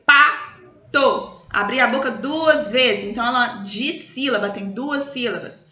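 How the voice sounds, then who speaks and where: A Brazilian woman teaching schoolchildren in a recorded review lesson, explaining slowly and stretching out example words in a sing-song way. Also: on the high side, pushed and bright. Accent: Brazilian Portuguese. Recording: echoey room.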